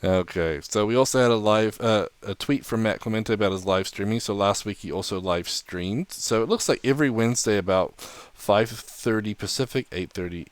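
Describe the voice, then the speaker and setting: Deep-voiced easygoing podcast man. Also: moderate pace, few pauses, clear, resonant tone, dry recording. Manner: easygoing, reads news items, trails off softly. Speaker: podcast co-host. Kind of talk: casual tech news podcast chat.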